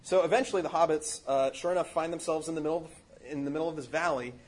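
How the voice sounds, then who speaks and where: Earnest man, somewhat higher voice, husky texture, casual rambling spiritual talk. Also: fast. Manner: earnest, rambling with fillers and restarts. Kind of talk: casual spiritual reflection on a book.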